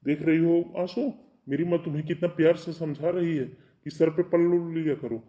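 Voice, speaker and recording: A man's voice: on the high side, fairly even intonation, moderate pace, dark tone, lightly acted. A man voicing a stern lecturing young husband. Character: young married son scolding his wife. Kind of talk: cartoon voice acting.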